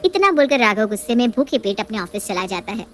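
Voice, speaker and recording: A high-voiced woman tells a family story in a calm, steady way, like reading a storybook aloud. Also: fast, a little hiss or hum. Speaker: narrator. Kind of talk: storybook narration.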